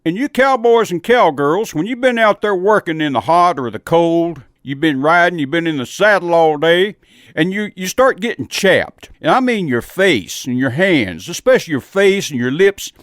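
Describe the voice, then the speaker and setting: A man's voice: fairly high pitch, expressive, moderate pace, fairly bright tone, no echo, clean studio sound. A man playing a folksy cowboy trail boss in a radio advert, with a hearty drawl. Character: folksy cowboy trail boss pitching farm-store balm. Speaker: radio ad pitchman.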